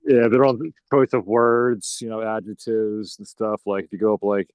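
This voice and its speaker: A man's voice: on the low side, level tone, normal speed, darkish tone, no echo. A man with a New Jersey accent, a guest chatting casually who often repeats a word as he starts a thought. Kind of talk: casual chat.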